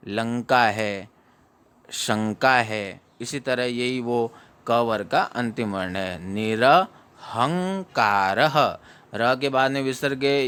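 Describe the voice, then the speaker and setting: A man teaching recitation, sounding out syllables slowly and explaining briskly. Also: mid-range voice, a bit bright, smooth. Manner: chants verses slowly in a melodic tune. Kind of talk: recitation lesson.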